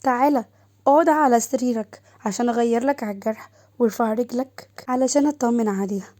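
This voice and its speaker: A woman's voice: high voice, quick pace, warm tone. A woman with an Egyptian accent voicing a coy, coquettish hospital nurse. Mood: flirty.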